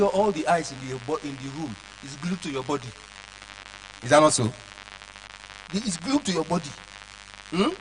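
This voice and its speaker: A man lecturing children on public speaking, animated and checking often that they follow along. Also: on the high side, a little hiss or hum, low-quality recording.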